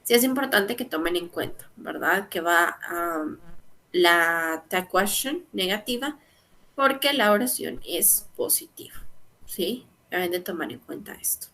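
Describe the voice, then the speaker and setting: A woman's voice: on the low side, expressive, unhurried, pushed and bright. A young woman teaching an English grammar lesson, explaining patiently step by step and often checking in with her students.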